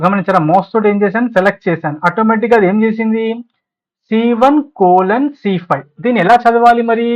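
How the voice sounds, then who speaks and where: A man's voice: high voice, poor audio. Man teaching step by step with questions. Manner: keeps asking questions and answering them himself; repeats each point slowly. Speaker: spreadsheet tutor. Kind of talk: screen-recorded software lesson.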